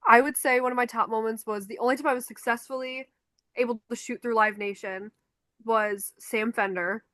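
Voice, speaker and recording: This young podcast co-host from Chicago, a concert photographer, has the city's accent and a slightly high voice. She tells stories in casual chat at a moderate pace, acting out the quotes with animation, and the recording has no echo.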